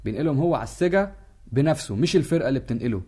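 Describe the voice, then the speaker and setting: A man's voice: medium pitch, expressive, very fast, mellow, slightly rough. A man with an Egyptian accent giving an explanatory lecture, walking listeners through musical details. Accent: Egyptian Arabic.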